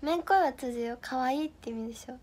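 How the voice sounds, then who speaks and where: A young woman with a high, light voice chats casually on her livestream, thanking viewers and answering their comments. She giggles often and plays along as she trips over tongue twisters. Her talk stays bubbly and relaxed. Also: very fast. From Miyagi, Japan. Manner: giggly, playful, stumbling through tongue twisters. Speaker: idol livestream host.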